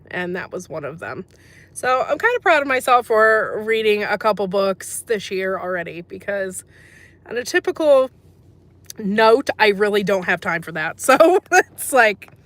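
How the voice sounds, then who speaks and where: Chatting about herbal remedies on a relaxed livestream, this woman from the USA answers live chat and laughs frequently. Her mid-range voice is a bit bright, captured in a dry recording.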